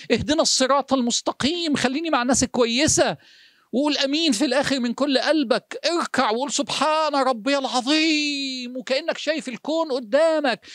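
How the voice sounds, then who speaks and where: Fast-talking Egyptian preacher man. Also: very high voice, no room sound, studio quality. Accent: Egyptian Arabic. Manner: asks the listener rhetorical questions in quick succession; shifts between urgent speech and hushed, slowed phrases. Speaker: religious speaker. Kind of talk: motivational sermon talk.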